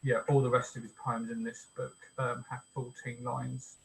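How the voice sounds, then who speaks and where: A man's voice: medium pitch, monotone, moderate pace, creaky, a little hiss or hum, poor audio. Hesitant man teaching a poetry workshop. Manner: hesitant, many ums, explains step by step. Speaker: workshop leader. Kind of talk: informal online workshop lecture.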